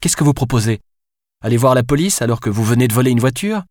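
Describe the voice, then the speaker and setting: A man's voice: mid-range voice, lively intonation, quick pace, darkish tone, dry recording, clean studio sound, pitched above the performer's own voice, lightly acted. A man voicing a sarcastic young Frenchwoman on the run in an audiobook, firing off biting retorts. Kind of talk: audiobook character voice.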